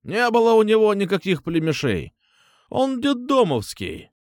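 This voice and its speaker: A man reading an audiobook, voicing an elderly female hitwoman with a rattling, low voice and a crude, commanding manner. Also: wildly swooping pitch, a little slow, dry recording, clean studio sound, full character voice. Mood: gruff. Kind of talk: audiobook narration.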